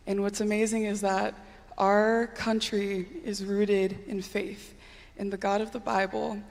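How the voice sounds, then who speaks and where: A woman pageant contestant giving an earnest, exhortative answer on stage in measured phrases. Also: mid-range voice, level tone, creaky, darkish tone. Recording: long hall reverb.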